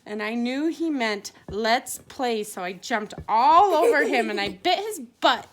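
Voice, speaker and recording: A woman's voice: on the high side, lively intonation, moderate pace, a little hiss or hum. A woman telling a playful improvised story to a child, laughing often as she goes.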